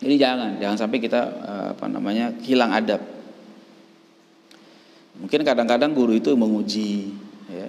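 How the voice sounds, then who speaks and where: A middle-aged man with an Indonesian accent giving a religious study lecture, speaking in a gentle storytelling manner and often tagging his phrases with "ya". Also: fairly low pitch, vocal fry. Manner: gentle storytelling, frequent "ya" tags. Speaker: religious teacher. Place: Islamic boarding school hall. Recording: long hall reverb.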